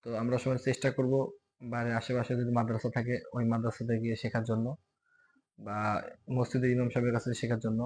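A man with a Bangladeshi Bengali accent teaching Quran letter pronunciation, repeating sounds slowly and loudly as demonstrations and often asking "okay?". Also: medium pitch, completely flat delivery. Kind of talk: recitation lesson on letter pronunciation.

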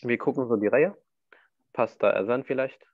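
A man's voice: mid-range voice, moderate pace, no echo, dull audio. A man teaching Arabic in a one-to-one online lesson, patiently walking his student through each answer.

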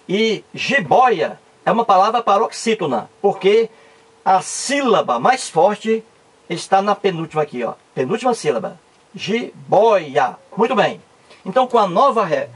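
Man, Cearense accent, grammar teacher, emphatic, repetitive, high lively pitch, husky. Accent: Cearense Brazilian Portuguese. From Ceará, Brazil. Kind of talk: grammar lesson.

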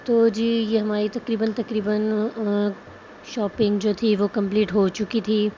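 A woman's voice: medium pitch, level tone, unhurried, mellow. A young woman, chatting casually through a vlog, with many fillers and asides. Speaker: vlogger. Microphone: phone. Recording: muffled phone audio with background noise.

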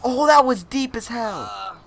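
Animated young man cringing with secondhand embarrassment. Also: very high voice, takes it slowly. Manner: slangy, exclamatory. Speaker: reaction video host. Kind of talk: casual reaction commentary. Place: indoors, small home room.

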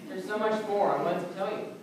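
An actor playing God, speaking calmly and gently in a church skit. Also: female voice, medium pitch, brisk, lightly acted. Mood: patient. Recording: echoey room from far off, clear noise.

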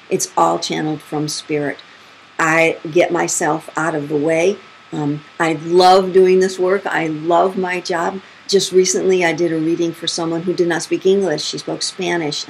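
Middle-aged woman medium, casual storyteller, low and gravelly, faint tape hiss. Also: low-quality recording. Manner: chatty, acts out quotes with big pitch jumps. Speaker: spirit medium.

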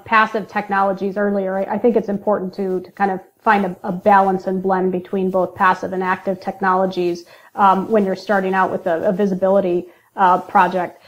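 Podcast guest, woman, mid pitch, measured explainer with ums. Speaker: guest, industrial cybersecurity manager. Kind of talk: podcast interview.

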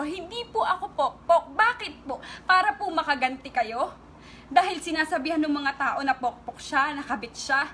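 A woman vlogger with a Filipino accent addresses her critics directly in an emotional online rant, angry and tearful. Her voice is high-pitched and fairly bright, with slight background noise.

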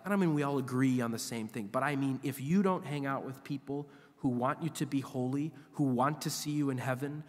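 A man in his forties, a visiting priest, preaching a sermon at a church lectern in an animated, emphatic way. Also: mid-range voice. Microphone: lectern microphone. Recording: long church reverb.

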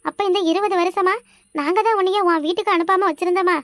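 A woman voicing a proud, sharp-tongued old village mother-in-law in a cartoon, scolding with rapid-fire questions. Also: extremely high pitch, fairly even intonation, dry recording, studio quality. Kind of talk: cartoon voice acting.

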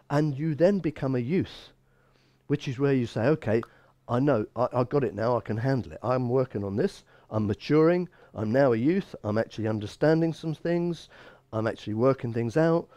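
His voice is medium-pitched and mellow, with no echo. He's a bishop and pastor in his sixties preaching an expository Bible teaching sermon in a small church room indoors, speaking emphatically and repeating phrases.

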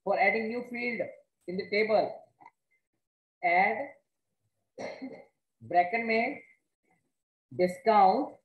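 A woman teacher with a North Indian accent gives a step-by-step online lesson. She speaks slowly and haltingly, often repeating words. Her voice rings in an echoey room. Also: mid-range voice, muffled recording. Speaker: computer science teacher. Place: indoors, online class with screen share.

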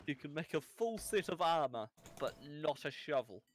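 A man's voice: fairly high pitch, big pitch swings, normal speed, noisy background. A man chatting casually while playing a video game, teasing and sarcastic. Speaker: gamer. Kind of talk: casual gaming chat.

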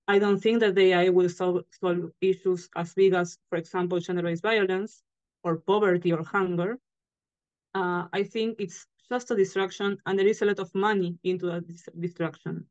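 A woman's voice: lowish voice, a little mellow, no echo. A woman speaking on a cell phone call over a shaky connection from a hotel room, a frank and outspoken panelist. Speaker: panelist, founder of a data organization. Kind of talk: online panel discussion. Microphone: cell phone on a video call. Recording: dull lo-fi phone audio.

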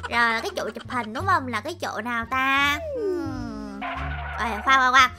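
High, lively young woman gamer. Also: normal speed. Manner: exclamatory, stammering repeats. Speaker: gaming YouTuber. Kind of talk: excited let's-play narration. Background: game music.

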